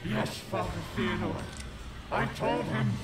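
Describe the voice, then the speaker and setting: An actor playing a cruel male cult follower in a video game, threatening and calm. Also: high-pitched, very noisy, heavily acted. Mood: menacing. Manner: slow, threatening delivery. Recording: game audio under loud music.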